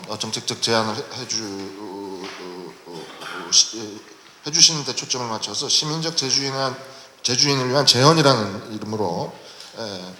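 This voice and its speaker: Man, middle-aged, halting forum moderator, crisp bright tone, long hall reverb. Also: mid-range voice. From Jeju, South Korea. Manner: halting, with many drawn-out pauses. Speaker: panel moderator. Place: large lecture hall at a public forum. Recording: echoey hall recording with faint noise.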